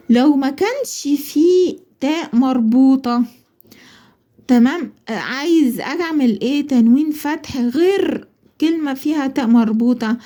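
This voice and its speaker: A woman with an Egyptian Arabic accent teaching a children's Arabic lesson. She asks herself questions and answers them, slowing down to spell words out. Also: high voice, warm tone. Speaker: primary school Arabic teacher. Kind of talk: explaining a school lesson.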